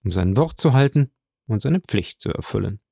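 A suave count in a storybook reading, calm and polished, who chooses each courteous phrase with care, as a man reads him. His voice has a gravelly grain and sounds dry and close to the mic. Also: lowish voice, normal speed, no room sound, heavily acted. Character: suave, composed male count, courteous and assured.

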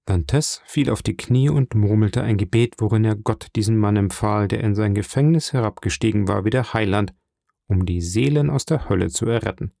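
A man narrating an audiobook in a steady, measured reading. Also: lowish voice, creaky, no echo, studio quality.

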